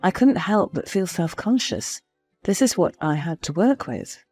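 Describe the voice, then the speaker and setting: A woman's voice: on the low side, sing-song, a little slow, a little mellow, slightly rough, dry recording, faint music behind. A woman narrating a first-person story in a confiding, storytelling manner.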